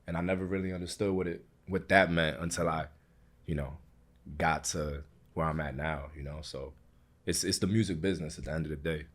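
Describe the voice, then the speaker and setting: Deep-voiced man with a Queens accent. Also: steady tone, a little fast. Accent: Queens New York. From Queens, New York, USA. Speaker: guest, hip hop artist. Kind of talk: casual interview chat.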